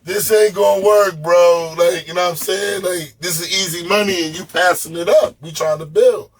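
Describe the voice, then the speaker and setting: This man's high-pitched voice moves briskly, with a little hiss or hum behind it. As a podcast guest in a relaxed storytelling interview, he spins animated, profane yarns in street slang, frequently tripping over and repeating words.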